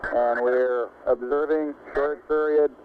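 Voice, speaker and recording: A man's voice: medium pitch, fairly even intonation. American mission control man, phone-like radio. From United States. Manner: measured, procedural, formal call-outs. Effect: radio transmission. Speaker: mission control capsule communicator. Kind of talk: astronaut radio procedural calls. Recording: phone-like radio link with faint noise.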